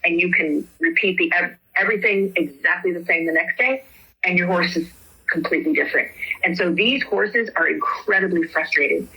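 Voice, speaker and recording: Husky, forceful low-voiced woman guest. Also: moderate pace, poor audio. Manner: emphatic, fluent explaining. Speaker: guest, supplement business owner. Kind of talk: interview, explaining expertise.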